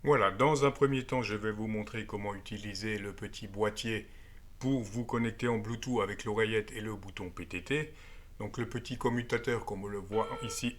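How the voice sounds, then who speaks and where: In a lowish, fairly bright voice, an amateur radio video presenter shows off a gadget in a relaxed, hands-on demonstration. He walks through it step by step, often dropping in tag words.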